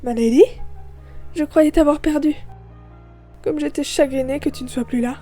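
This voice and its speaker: A woman's voice: sits high, flat delivery, unhurried, dark tone, soft background music. A woman voicing Chat Blanc, lost and pleading. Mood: longing. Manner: pleading, fragile, clingy. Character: lost, heartbroken young male cat-hero turned villain. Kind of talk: fan audio fiction.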